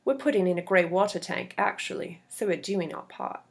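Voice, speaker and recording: A woman's voice: fairly low pitch, a little fast, creaky. A woman putting on a defensive Australian suburban mum. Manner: defensive, brushing off.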